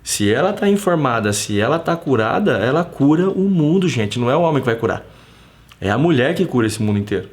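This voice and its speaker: A man with a Brazilian accent hosts a casual live stream from his home, his voice sitting at an ordinary middle pitch. He talks in an animated, slangy way and often acts out bits of dialogue as he tells a story. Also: fairly quick.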